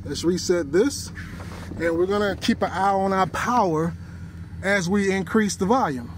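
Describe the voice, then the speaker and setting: High-pitched and unhurried, a male car audio reviewer hosts a hands-on product test, explaining every step to viewers he calls "you guys." Clear vehicle ambience is audible throughout.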